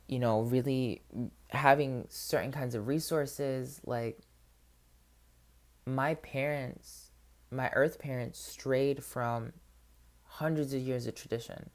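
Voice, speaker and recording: A man who works as a spiritual healer, giving a candid, heartfelt personal testimony and leaning on casual filler words. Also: medium pitch. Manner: candid and open.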